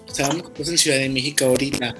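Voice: medium pitch, steady tone, racing, a bit bright, faint music behind. A podcast host from León, Guanajuato, with that region's accent, chatting in a friendly, rambling way with a guest. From León, Guanajuato, Mexico. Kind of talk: casual interview chat.

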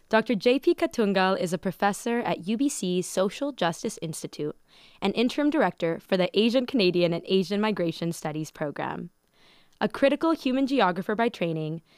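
A woman hosting a podcast, introducing her guests in a deliberate, scripted way. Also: mid-range voice, no room sound, studio quality. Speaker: podcast host.

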